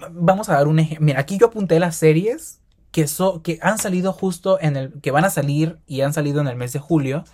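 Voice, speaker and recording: Fast-talking young man ranting casually. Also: on the high side. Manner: fast, animated rambling with slang and self-corrections. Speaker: podcast host. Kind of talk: casual solo podcast monologue.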